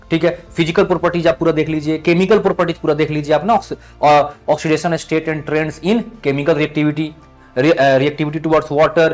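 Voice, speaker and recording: A male chemistry teacher with a voice on the high side gives an exam-prep lesson. He calls his students "beta" and checks in with "thik hai?" after every point.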